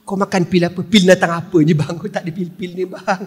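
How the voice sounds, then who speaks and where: A man's voice: sits high, level tone, quick pace, darkish tone, breathy edge, in a large hall. A man putting on a flustered village nurse. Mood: baffled. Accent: Malaysian Malay. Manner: pleading, bewildered, keeps saying "bang". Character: flustered village wet nurse, a young mother.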